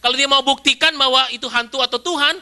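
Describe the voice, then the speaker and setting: An Indonesian male pastor preaches a sermon in church in a very high-pitched voice at a quick pace. His style is lively and conversational, full of rhetorical questions.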